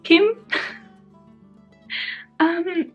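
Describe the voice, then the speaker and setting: In a very high voice with fairly even intonation, speaking very slowly, a young woman chats to camera as a book vlogger, musing indecisively and laughing often. Portuguese is her first language. The audio sounds dull, with faint guitar music behind.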